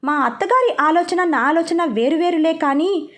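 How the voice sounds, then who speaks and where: A woman's voice: very high-pitched, lively intonation, normal speed, a bit bright. A woman voicing a bold, caring young bride in a storybook reading, firm and insistent.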